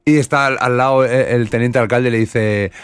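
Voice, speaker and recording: A man who tells jokes with halting, animated storytelling. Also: mid-range voice, smooth, no echo, clean studio sound. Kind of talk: joke telling.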